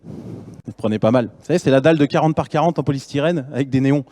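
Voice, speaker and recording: A man's voice: mid-range voice, fast, warm tone, dry recording. A man in his thirties, a startup founder giving a casual, slangy conference talk full of fillers and enthusiasm.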